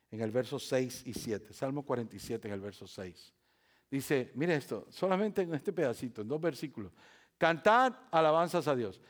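A man preaching a sermon as pastor in a church, repeating phrases and asking the congregation rhetorical questions, swinging from quiet talk up to loud, emphatic passages. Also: mid-range voice.

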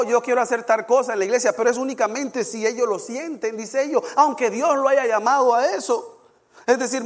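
A man preaching from the pulpit in a high voice. He climbs to emphatic peaks on key points and sinks low and quiet in prayer. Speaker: pastor. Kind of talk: sermon with scripture reading and prayer.

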